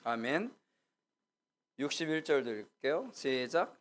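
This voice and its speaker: A man's voice: medium pitch, very animated, measured pace. Casual storytelling male pastor. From Gyeongsang region. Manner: casual storytelling, asks the congregation questions and acts out quotes. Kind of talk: conversational sermon.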